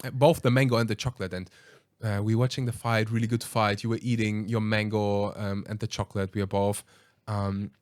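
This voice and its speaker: A man hosting a podcast, telling a story in a casual, animated way, acting out quoted lines and hesitating with ums and restarts. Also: on the low side, fairly quick, dry recording. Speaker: podcast host.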